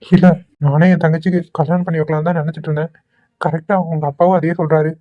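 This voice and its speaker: Here the recording is lo-fi and the voice is close to an everyday one: medium pitch, flat delivery. It's Tweencraft cartoon voice work, with the performer as a kind, worried young man who begs anxiously at a fast clip, sounding concerned.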